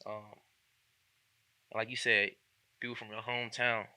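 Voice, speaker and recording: A man's voice: fairly low pitch, level tone, unhurried, bright, forceful tone, no echo. A young man from Indianapolis hosting a casual interview, laid-back and slangy with lots of fillers. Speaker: podcast host.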